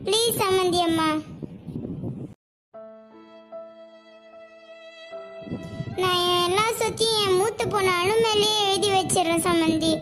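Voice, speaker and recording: A woman's voice: very high-pitched, fairly even intonation, brisk, fairly bright tone, faint music behind. A woman voicing an anxious middle-aged mother of the bride who pleads and frets. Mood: pleading. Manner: pleading, tearful. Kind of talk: cartoon voice acting.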